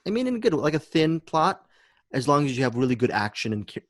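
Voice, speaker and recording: A man's voice: a little high, very animated, quick pace, no echo. A man hosting a film podcast, chatting enthusiastically about a movie and often repeating words as he searches for phrasing. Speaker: podcast host.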